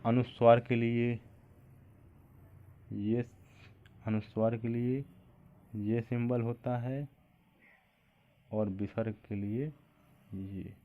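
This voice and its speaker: Slow, tinny-sounding man teaching a class. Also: mid-range voice, steady tone. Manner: asks the class questions and answers them himself, repeating key points. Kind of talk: exam-prep Hindi grammar lesson.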